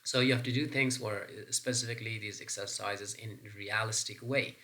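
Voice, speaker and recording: A man's voice: on the low side, steady tone, moderate pace, bright, forceful tone. A man with an Afghan accent teaching an English pronunciation lesson, explaining step by step with frequent fillers and restarts. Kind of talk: recorded classroom lesson.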